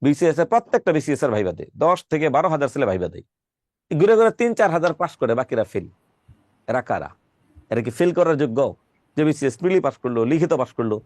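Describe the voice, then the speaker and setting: A man teaching a classroom lecture, emphatic and repeating key points, spelling words out slowly. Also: on the high side, a little mellow, dry recording. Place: classroom with students.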